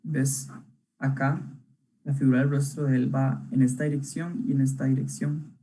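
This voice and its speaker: A man's voice: mid-range voice, flat delivery, normal speed, warm tone, husky, low-quality recording. A young man teaching an online illustration workshop, talking casually while he draws, with many fillers and checking questions. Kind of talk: live online drawing lesson.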